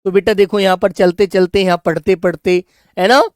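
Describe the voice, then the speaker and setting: Man dictating a lesson slowly. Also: high voice, little pitch movement, clean tone, no room sound, studio quality. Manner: dictates slowly, repeating words for note-taking; affectionate, calls students "beta". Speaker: teacher. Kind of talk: Hindi grammar lesson for children.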